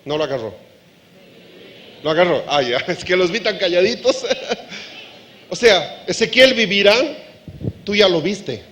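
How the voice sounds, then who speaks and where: A man preaching a sermon as pastor, lively, asking the congregation questions and acting out dialogue. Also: high-pitched, a little slow, pauses often, a little hiss or hum. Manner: animated preaching, acts out dialogue.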